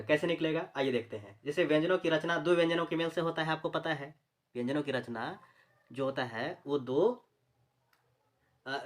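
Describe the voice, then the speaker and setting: Man teaching Hindi phonetics, quizzing listeners. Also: on the high side. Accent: Chhattisgarhi Hindi. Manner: repeats terms and quizzes the viewer with questions. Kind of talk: exam-prep phonetics lesson.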